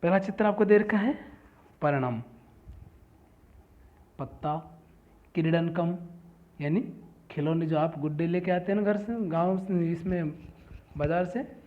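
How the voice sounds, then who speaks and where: Slow man teaching over tinny audio. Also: on the high side. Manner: reads each word, then gives its meaning. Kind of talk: classroom lesson explaining Sanskrit words.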